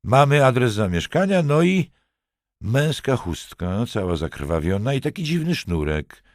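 A man voicing a brisk middle-aged police forensics chief, reporting facts quickly. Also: medium pitch, very animated, dry recording, studio quality, voice pushed up.

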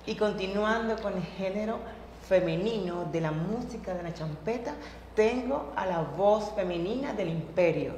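A woman's voice: medium pitch, expressive, moderate pace, darkish tone, roomy sound, long reverb tail, a little hiss or hum. A young woman hosting a talk show interview, asking questions and giving short prompts. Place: TV studio set.

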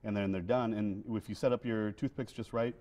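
Man, 30s, mellow dark voice, casual cooking chat, studio kitchen, lapel mic. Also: on the low side, fairly quick. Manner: relaxed, many fillers and restarts. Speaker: winery guest cook.

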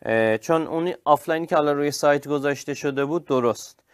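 A man teaching an online chemistry class, lively and praising his students by name. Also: a little high, clear, resonant tone, no echo, studio quality.

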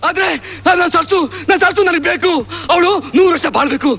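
An actor playing a devoted village brother, pleading and repeating himself in anguish. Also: male voice, very high voice, fairly quick, gravelly, pushed and bright, exaggerated voice. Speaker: elder brother.

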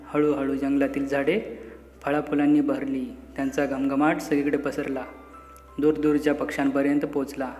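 A man narrating a children's school lesson in a measured, expressive storybook reading. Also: mid-range voice. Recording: echoey room, faint music behind.

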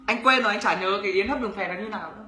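A man's voice: sits high, rapid-fire, bright, forceful tone, echoey room, a little hiss or hum. A young man from northern Vietnam with a Northern Vietnamese accent, chatting casually on a livestream, reading viewers' comments aloud and teasing them as he answers. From Bac Ninh, northern Vietnam. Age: young adult. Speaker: YouTuber answering viewer questions.

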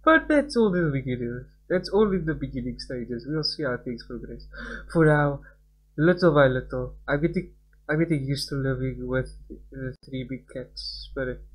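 His voice is medium-pitched, husky and expressive, at a moderate pace. He's a young adult gaming channel host doing a casual let's-play, reading game text and wandering into rambling commentary that interrupts itself. Music plays behind him on a rough recording.

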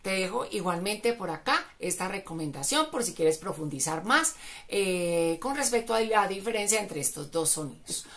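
A woman with Spanish as her first language, teaching English pronunciation and repeating each word slowly for practice. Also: mid-range voice, lively intonation, fairly bright tone. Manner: repeats words slowly for drilling. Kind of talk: pronunciation lesson.

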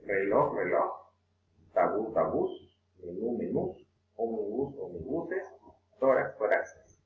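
A man's voice: on the low side, sing-song, slight background noise. Man teaching grammar over a tinny line. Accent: Peruvian Spanish. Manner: patient, repeats words slowly, frequent "eh" fillers. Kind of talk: online grammar lesson. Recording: echoey room over a tinny phone-like line.

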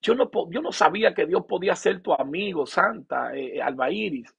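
A man's voice: high voice, lively intonation, moderate pace, creaky, fairly bright tone, slightly rough. A male pastor giving an emotional sermon and personal testimony, often repeating words and restarting. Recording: dull lo-fi recording.

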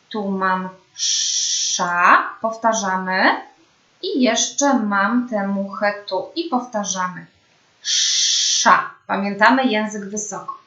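A young woman speech therapist giving a slow, patient lesson to children, with careful, clear pronunciation. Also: a little high. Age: young adult. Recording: dull, roomy home recording.

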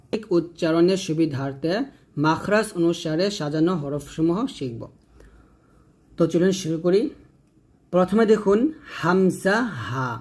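A man, teaching Quran reading slowly, drawing out each letter name and then explaining how it is said. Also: on the high side, a little mellow. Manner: drawn-out letter names, then plain explaining. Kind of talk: slow step-by-step recitation lesson.

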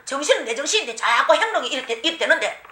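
A woman shaman with a Gyeongsang accent telling her own story, animated and often laughing, acting out the people she quotes. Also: high-pitched, racing, a little hiss or hum. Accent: Gyeongsang Korean. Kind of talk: personal storytelling. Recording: echoey room.

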